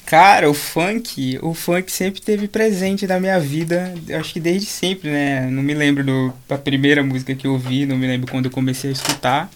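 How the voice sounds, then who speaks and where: A man's voice: a little high, fairly even intonation, normal speed, few pauses, a little hiss or hum. Young man. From Manaus, Brazil. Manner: thoughtful, frequent restarts and tag questions. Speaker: guest, creator of a page about funk. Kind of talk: casual interview talk.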